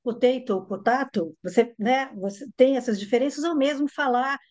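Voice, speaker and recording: A woman's voice: high-pitched, moderate pace, darkish tone. A Brazilian woman with a carioca accent, an English teacher answering interview questions in an explanatory way, with frequent fillers. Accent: carioca Brazilian Portuguese.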